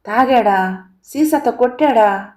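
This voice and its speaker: A woman's voice: medium pitch, animated, normal speed, darkish tone, natural voice. Woman reading an alarmed young man. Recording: roomy echo.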